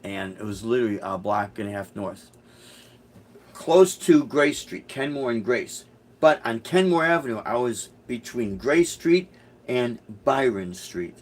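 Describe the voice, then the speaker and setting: An animated but unhurried mid-range voice belongs to a middle-aged Chicagoan musician hosting a live stream. He rambles through answers to viewer comments, hesitating and restarting a lot.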